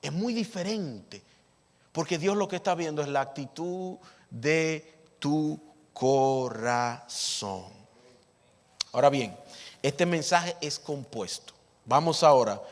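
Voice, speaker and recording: A man preaching a sermon as pastor, animated, acting out Bible dialogue with chuckles between points. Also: fairly high pitch, takes it slowly, long pauses. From Dominican Republic. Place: church sanctuary. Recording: reverberant church hall.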